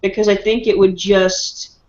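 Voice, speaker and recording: A woman's voice: medium pitch, little pitch movement, unhurried, darkish tone. A woman hosting a casual live stream chat, talking freely and laughing often. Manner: chatty, laughs often, talks with mouth full. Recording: dull lo-fi stream audio.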